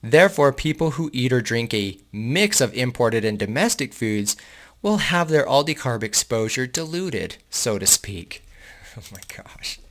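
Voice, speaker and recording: Indignant man reading an article aloud. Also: mid-range voice. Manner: indignant, sarcastic asides; casual, addresses viewers as guys. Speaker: host reading and commenting on an article. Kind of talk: casual commentary while reading aloud.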